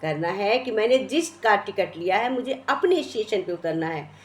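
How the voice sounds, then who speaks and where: A woman's voice: medium pitch, expressive, normal speed. A woman giving a devotional sermon in Hindi, teaching through a parable whose characters she voices in turn. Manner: retells a parable, voicing each character. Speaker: devotional speaker.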